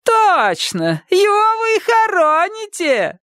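A man's voice: huge pitch swings, slow pace, pushed and bright, no room sound, studio quality, full character voice. A man squealing as a spiteful old woman. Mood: gloating. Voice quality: shrill, shrieking. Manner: scolding, squealing, gloating. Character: shrill spiteful elderly woman neighbor.

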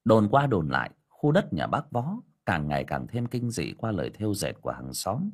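Man, audiobook narrator, husky, lively pitch. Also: moderate pace. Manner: storytelling with lively emphasis, colloquial.

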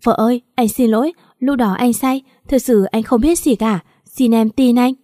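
A woman's voice: fairly high pitch, moderate pace, mellow, dry recording, studio quality, close to an everyday voice. A woman reading the lines of a young husband who begs his wife for forgiveness. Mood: pleading. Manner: pleading, apologetic. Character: young husband, guilty and pleading.

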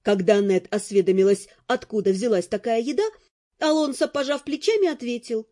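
High-voiced woman reading an audiobook. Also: moderate pace, mellow. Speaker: audiobook narrator. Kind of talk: scripted first-person narration.

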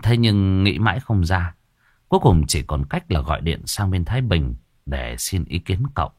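A man tells a ghost story with lively expression. His voice is very low, and his pitch rises and falls a lot. The recording is dry and close. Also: moderate pace, dry recording. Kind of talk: dramatic ghost story narration.

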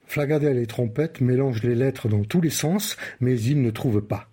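A man reading a children's story aloud, gently and unhurried. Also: medium pitch, husky.

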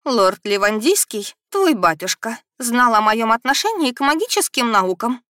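A woman plays a fussy middle-aged noble mother who pleads and reproaches. Her voice is on the higher side and recorded dry and close. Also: animated, normal speed, fairly bright tone, no echo. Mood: pleading.

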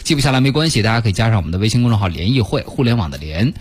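A man's voice: fairly low pitch, slightly rough. A male radio host, talking with co-hosts in a studio and reading a traffic report. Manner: brisk, animated, reads out listener messages.

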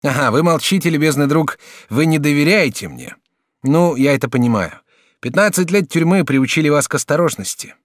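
An excitable, well-mannered young student, put on by a man reading a novel aloud, talks in a raised voice that leaps up and down. The sound is dry and close. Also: on the high side, a little fast, no room sound, voice pushed up, natural voice. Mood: eager. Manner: bright, animated, polite and excitable. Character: eager young male student, courteous and talkative. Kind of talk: audiobook character reading.

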